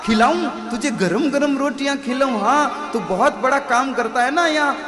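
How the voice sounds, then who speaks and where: A man voicing a shrill, mocking village sister-in-law who scolds and shouts, during a devotional storytelling sermon. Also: normal speed. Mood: furious. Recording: reverberant hall with music behind.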